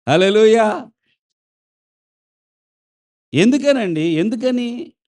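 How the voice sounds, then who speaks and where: Male pastor, high voice, lively preaching that asks the congregation for answers. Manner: animated, questions the congregation and acts out quotes. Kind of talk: sermon.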